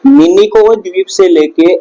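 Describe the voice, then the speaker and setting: A man's voice: high voice, sing-song, measured pace, vocal fry, dark tone, lo-fi sound, soft background music. A man teaching a classroom lecture, quizzing his students with the same questions again and again.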